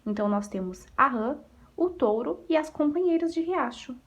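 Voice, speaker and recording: A Brazilian woman teaching young pupils in a recorded lesson, going through exercises one by one. Her voice sits a little high, and she talks patiently, posing questions and answering them herself. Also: lively intonation, normal speed. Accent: Brazilian Portuguese. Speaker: primary school teacher.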